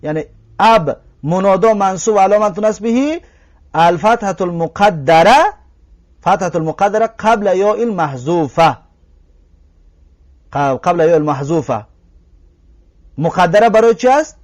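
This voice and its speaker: High-voiced man teaching a slow grammar lesson. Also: a little mellow. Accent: Tajik Persian. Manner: draws out example words slowly, asks listeners rhetorical questions. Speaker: language teacher.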